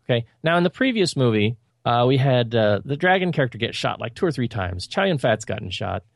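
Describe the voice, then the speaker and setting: A man's voice: medium pitch, very animated, brisk, vocal fry, dry recording, clean studio sound. A man co-hosting a podcast, reviewing films in casual chat with an opinionated, critical and rambling manner. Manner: loose, rambling delivery.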